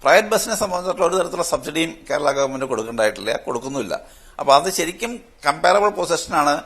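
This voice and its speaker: An older man, a retired judge who heads a fare commission, explaining in a halting way full of restarts on a televised panel. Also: on the high side, lively intonation, a bit bright, slightly rough. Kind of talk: panel discussion.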